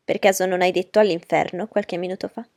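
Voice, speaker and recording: A strict aunt laying down the rules in a firm, reproving tone, voiced by a woman narrator. Her voice sits fairly low. The recording is dry. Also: fairly even intonation, brisk, darkish tone, dry recording, lightly acted. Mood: stern. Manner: stern, reproving. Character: strict scolding middle-aged aunt.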